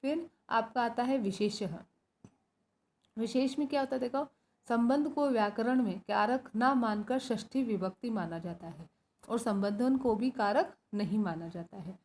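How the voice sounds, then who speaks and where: A woman's voice: a little high, measured pace, a little mellow. Woman teacher explaining step by step. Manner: explains step by step, asking and answering her own questions; often adds "है ना" to check understanding. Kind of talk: recorded classroom lesson for school students.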